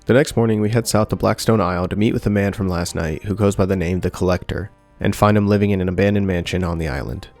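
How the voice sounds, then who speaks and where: A young man narrating a scripted video game review in a steady, dry way with light jokes. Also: low voice, quick pace, few pauses. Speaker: gaming YouTuber. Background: soft background music.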